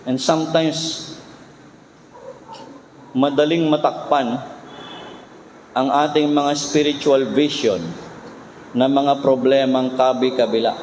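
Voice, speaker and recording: A man's voice: medium pitch, darkish tone. A man, a pastor preaching a sermon with emphatic rhetorical questions. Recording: reverberant hall with faint hum.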